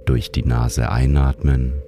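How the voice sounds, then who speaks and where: A man narrates a guided sleep meditation in a soothing, calm manner, like a sleep-story narrator. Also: extremely low pitch, takes it slowly, music in the background. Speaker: meditation guide and show host.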